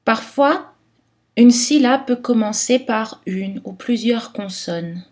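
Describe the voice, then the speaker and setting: Slow, careful woman teaching phonetics. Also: fairly high pitch, darkish tone. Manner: careful, clearly articulated delivery. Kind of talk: scripted lesson narration.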